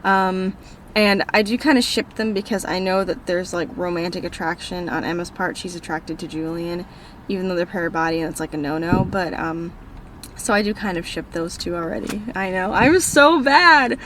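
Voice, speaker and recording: Her voice sits fairly low and moves at a normal speed, with a fairly bright tone. She's a teenage book vlogger from Minnesota with a northern accent, cheerfully rambling through viewer questions in a casual car vlog, bubbly and quick to poke fun at herself, over slight background noise.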